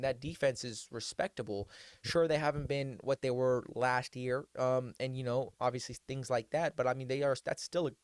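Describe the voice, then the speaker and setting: A young man hosting a sports podcast in an easy, rambling chat full of restarts and filler words. His voice sits at an ordinary middle pitch. The sound is close and dry, with no room around it. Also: dry recording. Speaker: podcast host. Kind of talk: casual sports talk.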